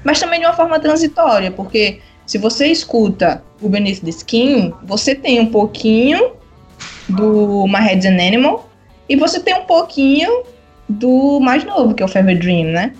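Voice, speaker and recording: A woman's voice: a little high, very animated, moderate pace, a little mellow, highs cut off. A woman co-hosting a podcast, chatting casually and enthusiastically about music over a call. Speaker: podcast co-host. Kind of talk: casual chat.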